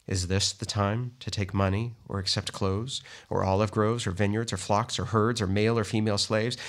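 A man's voice: on the low side, steady tone, normal speed, close to an everyday voice. A man reading the lines of a stern older male prophet, grave and commanding, in a scripture reading.

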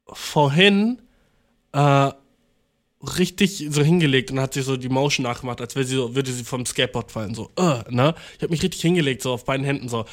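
A young man, a podcast host telling a rambling, slangy, self-mocking story in a casual monologue, with loud outbursts and mumbled asides. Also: mid-range voice.

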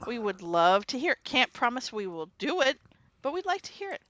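A woman's voice: on the high side, sing-song, a bit bright, no echo, highs cut off. A woman in her forties co-hosting a casual radio show, bubbly and emphatic. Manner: bubbly, quick to laugh, emphatic. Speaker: radio co-host.

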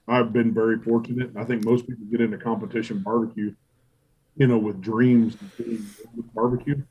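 A middle-aged man, telling barbecue stories in a loose, profane interview. His voice is a bit husky and sits at an ordinary pitch for a man. He jumps into quick acted asides as he quotes himself and others. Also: muffled recording. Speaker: competition barbecue pitmaster and restaurant owner. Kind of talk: casual storytelling interview.

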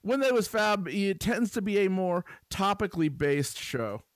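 A man's voice: sits high, lively intonation, normal speed, no echo. A man co-hosting a podcast, talking casually with lots of fillers and dry humor. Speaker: podcast co-host.

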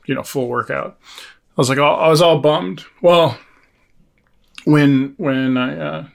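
A man's voice: on the high side, takes it slowly, creaky. A man co-hosting a podcast in casual conversation, informal and thinking aloud as he goes. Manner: informal, thinking aloud with false starts and self-quotes. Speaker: podcast co-host.

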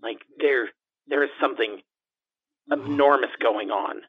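A man's voice: medium pitch, a little slow, husky. A man playing a nervous, gossiping building landlord who stammers and rambles conspiratorially, his voice run through a muffled disguise filter for a comedy podcast. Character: jittery gossiping male building landlord in hiding. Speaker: interviewee. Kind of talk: improvised comedy podcast parody.

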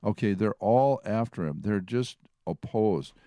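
A man's voice: fairly low pitch, lively intonation, a little slow, warm tone, dry recording, studio quality. A man teaching from the Bible in a conversational way, retelling and reading passages aloud. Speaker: preacher.

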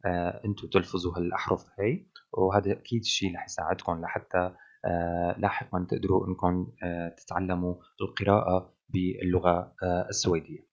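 A man with a Levantine Arabic accent teaching a language lesson, pausing often on drawn-out fillers. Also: deep voice, flat delivery, muffled recording. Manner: hesitant, with frequent drawn-out fillers.

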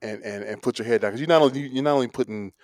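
A man with a smooth, resonant voice in casual sports talk. He speaks hesitantly and restarts his phrases. The sound is dry and close. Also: medium pitch, very fast, darkish tone, no echo.

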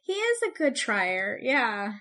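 This is a playful woman with a Canadian accent, talking casually as a podcast co-host. Her voice sits a little high, and she laughs easily as she chats. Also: sing-song, slow, pushed and bright. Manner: chatty, laughs often, playful. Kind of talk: casual chat, scoring popes.

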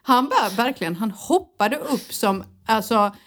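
Chatty woman, higher voice. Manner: chatty, laughs often, animated storytelling. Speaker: podcast co-host. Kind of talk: casual chat.

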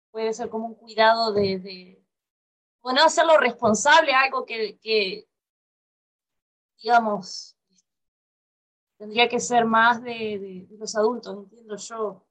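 Hesitant, slightly high-voiced woman. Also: slow pace, long pauses, fairly bright tone. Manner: hesitant, repeats words while searching. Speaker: group participant. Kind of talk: reflective group discussion.

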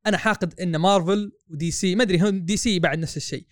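A man's voice: high voice, no echo, clean studio sound. A man, co-hosting a casual podcast chat, blunt and ranting. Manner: blunt, ranting, fast-talking. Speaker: podcast co-host.

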